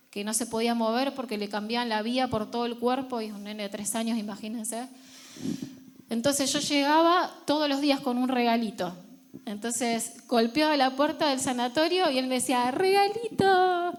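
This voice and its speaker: Argentine woman pastor preaching, slightly high voice. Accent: Argentine Spanish. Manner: earnest, repeats words for emphasis. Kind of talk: sermon.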